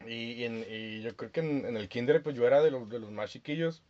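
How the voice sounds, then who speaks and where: A young man with a Mexican accent, co-hosting a podcast in casual chat, often halting and repeating words while recalling things. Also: medium pitch, warm tone. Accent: Mexican Spanish. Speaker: podcast co-host. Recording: dull lo-fi with faint hiss.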